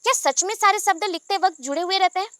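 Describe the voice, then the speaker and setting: A woman teaching a class in a high, bright voice, firing questions at her students and drilling syllables aloud. The recording is dry and close, with no room echo. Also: quick pace. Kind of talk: online class lecture in Hindi pedagogy.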